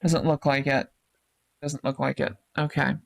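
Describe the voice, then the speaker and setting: A woman's voice: very deep voice, level tone, unhurried, vocal fry. A woman streaming live, chatting loosely with her viewers, thanking them and swearing freely. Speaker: Twitch streamer. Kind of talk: casual live-stream chat, reading chat messages.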